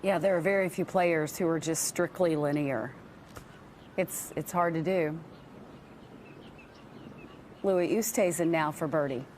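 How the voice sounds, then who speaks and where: A woman's voice: sits low, a little slow, pauses often, darkish tone, slight background noise. A woman hosting a live golf broadcast with concise, orderly commentary. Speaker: lead golf commentator and host.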